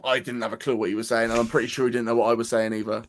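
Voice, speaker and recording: A young man co-hosting a casual football fan show, talking in halting bursts with many restarts. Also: mid-range voice, level tone, slight background noise. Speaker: co-host of a football fan channel. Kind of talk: casual chat.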